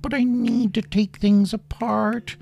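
Rip It, a high squeaky reptile creature. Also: male voice, level tone, slow, creaky, darkish tone, exaggerated voice. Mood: sad. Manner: high, pleading, eager to take things apart. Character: small male reptile creature, compulsive, nerdy.

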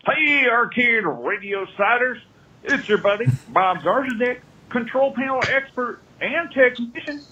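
A man's voice: very high-pitched, animated, a little slow, sharp tone, dull audio. A man leaving a joking voicemail for a show, laughing through his words, played back as a phone message. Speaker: caller.

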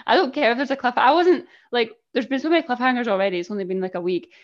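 A woman's voice: a little high, lively intonation, rapid-fire. Scottish woman, early 20s, podcast co-host, sarcastic chat, slightly muffled audio. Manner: chatty, sarcastic, laughs often. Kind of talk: casual chat.

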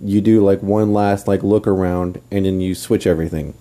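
A man's voice: low-pitched, fairly even intonation, normal speed, dark tone. A man co-hosting a casual podcast, teasing his wife in a laid-back way. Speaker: podcast co-host. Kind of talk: casual chat.

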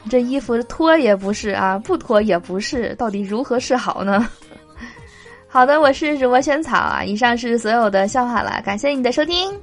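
A woman hosts a joke podcast, reading each joke aloud casually. Her voice sits high and swoops widely as she lands the punchlines, and she often laughs at her own material. A faint bed of music plays behind her. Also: animated, moderate pace. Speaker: podcast host telling jokes.

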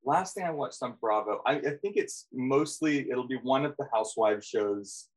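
Halting Australian man, breathy voice. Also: mid-range voice, expressive, rough recording. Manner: hesitant, halting, many fillers. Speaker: podcast guest. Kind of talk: casual podcast chat.

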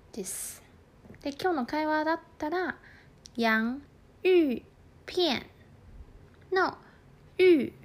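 A woman teaching phrases in a language lesson, explaining slowly and carefully, with stressed example words. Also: fairly high pitch.

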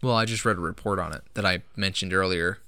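Wisecracking man with a bright, clear voice. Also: low-pitched, fast, no echo. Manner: wisecracking, deadpan jokes. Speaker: podcast co-host. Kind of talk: casual joking chat.

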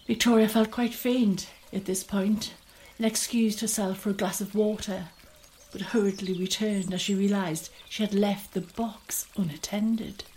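A woman narrating a story in a measured, expressive reading style. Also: medium pitch, slight background noise. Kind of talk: scripted storytelling.

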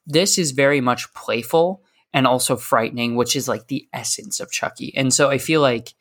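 A man's voice: medium pitch, moderate pace, a bit bright. Easygoing man rambling in casual chat. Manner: easygoing, rambling, many fillers and hedges.

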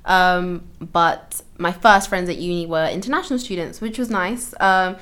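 A woman's voice: fairly low pitch, normal speed, fairly bright tone. A young woman from London talking as a guest in a casual conversation, hesitant and full of restarts. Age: young adult. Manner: hesitant, many ums and restarts, laughs often.

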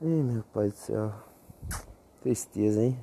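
A young man hosting a casual rambling monologue, profane and self-mocking, often breaking into high squeaky exclamations. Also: measured pace, vocal fry, warm tone, a little hiss or hum. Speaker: podcast host.

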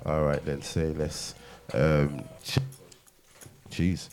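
A man hosting a casual podcast interview, slangy and halting, often repeating himself. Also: rumbling low, little pitch movement, darkish tone.

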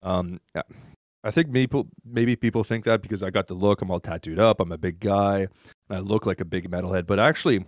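A Canadian man talks in a loose, easygoing way on a voice chat call. His voice sits a little low and sounds dry, with no room around it. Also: a little fast, dry recording. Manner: laid-back, swears casually, laughs often. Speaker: co-host. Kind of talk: casual chat. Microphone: voice chat headset.

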